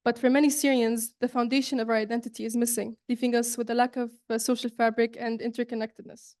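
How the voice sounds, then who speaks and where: A woman's voice: on the high side, little pitch movement, fast talker, darkish tone. A young woman from Saudi Arabia giving an earnest student presentation, with frequent fillers and restarts. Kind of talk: presentation talk.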